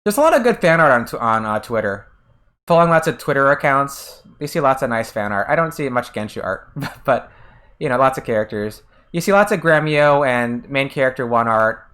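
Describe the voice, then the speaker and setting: An animated, fairly quick mid-range voice with a fairly bright tone belongs to an American game streamer. Between gameplay they respond to chat messages in casual talk, often trailing off and beginning sentences again.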